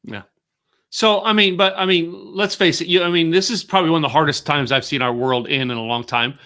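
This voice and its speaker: A man hosting a casual interview show over a video call, chatty and quick to stammer and restart his sentences. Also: a little high, steady tone, sharp tone. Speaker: show host.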